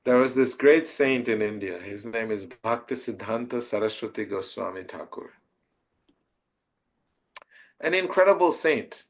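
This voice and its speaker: A man, a spiritual teacher, answering a question by slowly telling a devotional story in a soft, tender way. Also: fairly low pitch, animated. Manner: slow, tender storytelling with soft trailing phrases.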